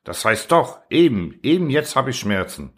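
A man's voice: mid-range voice, sing-song, moderate pace, husky. Thomas Konradin, a whiny hungover man, read by a man. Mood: querulous. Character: hungover, self-pitying man in bed, pompous.

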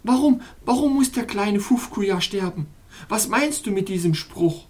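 A reader voicing a tender young princess of an ice realm in an audiobook, speaking softly and pleadingly. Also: mid-range voice, lively intonation, unhurried, lightly acted. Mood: urgent. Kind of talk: audiobook character voice.

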